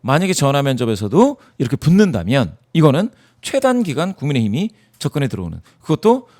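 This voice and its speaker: Talking fast at a medium pitch with huge swings in pitch, a man with a darkish tone breaks down poll results emphatically. He's a guest analyst in a studio interview who answers his own rhetorical questions.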